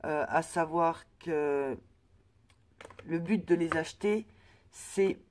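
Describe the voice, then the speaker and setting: A woman with a low-pitched voice speaks slowly as she chats casually through a crafting haul for her vlog. She sounds hesitant, with plenty of fillers and restarts.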